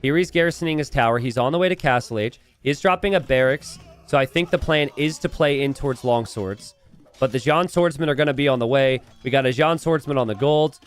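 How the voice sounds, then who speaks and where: Guy doing live esports caster commentary, mid pitch, leans on the key phrases. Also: clean tone, soft background music. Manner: esports caster delivery, stressing key phrases with drawn-out words.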